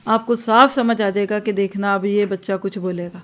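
A woman's voice: mid-range voice, steady tone. A woman giving an earnest religious lecture that explains each point and slips English words into her speech. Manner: earnest, explanatory, acts out quoted dialogue. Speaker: religious teacher. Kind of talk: Islamic lecture. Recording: dull lo-fi recording.

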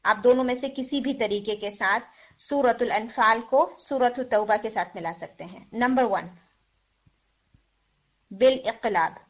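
A woman's voice: a little high, a little slow. A woman teaching the rules of Quran recitation, explaining step by step with patience and mixing in English words. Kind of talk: tajweed lesson. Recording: dull lo-fi recording.

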